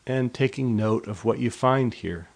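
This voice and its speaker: This is a man with a mid-range voice leading a body scan meditation. As the instructor, he keeps a measured, gently teaching tone, with pauses separating his phrases.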